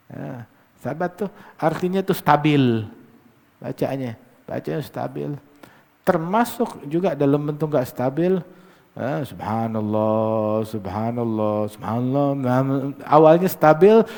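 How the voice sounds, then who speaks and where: A man preaching, animated and teasing, mimicking hurried recitation and firing rhetorical questions. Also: medium pitch. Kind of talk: sermon. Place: mosque gathering. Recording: long hall reverb.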